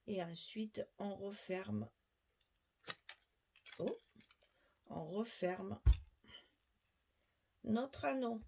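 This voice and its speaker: A woman's voice: medium pitch, animated, drawn-out words, long pauses, darkish tone, a little hiss or hum. A middle-aged woman giving a step-by-step craft demonstration at her worktable, chatting to viewers as she works. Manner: chatty, explains while working, asides to viewers. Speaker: crafting tutorial host.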